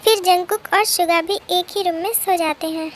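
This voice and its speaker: A woman's voice: very high voice, steady tone, moderate pace, a bit bright, a little hiss or hum. A woman narrating a fan-made drama story in a plain, matter-of-fact way.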